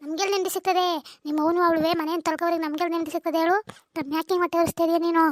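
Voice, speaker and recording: A woman's voice: very high voice, flat delivery, racing, no echo. A woman voicing a resentful young wife in a cartoon drama, with a North Karnataka Kannada accent, accusing and nagging her husband. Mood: bitter nagging. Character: young sharp-tongued wife, resentful and bitter.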